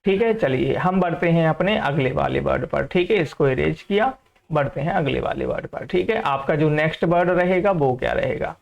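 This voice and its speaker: Indian male vocabulary teacher, fairly high voice, keeps checking the class follows, dull lo-fi recording. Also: animated, gravelly. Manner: repeats questions to students and checks understanding; slow, careful reading of English example sentences.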